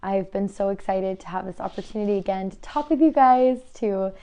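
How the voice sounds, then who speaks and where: Casting note: young woman, bubbly and chatty, casual home vlogger, warm faith talk. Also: medium pitch, fairly quick, clean tone. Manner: bubbly and chatty, with frequent "like" and laughs. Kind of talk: casual faith-based vlog chat. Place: new family home.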